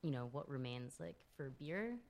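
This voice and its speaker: A woman's voice: very deep voice, expressive, normal speed, vocal fry, a little mellow. A woman interviewer asking short, casual questions in a chatty way.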